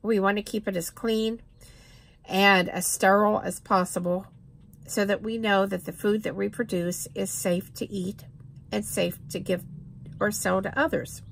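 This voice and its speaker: A woman's voice: medium pitch, fairly even intonation, unhurried, creaky, a little hiss or hum. A middle-aged woman talking straight to a close camera in a cluttered room, earnest and plain-spoken as a homesteading vlogger. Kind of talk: casual talking-head vlog.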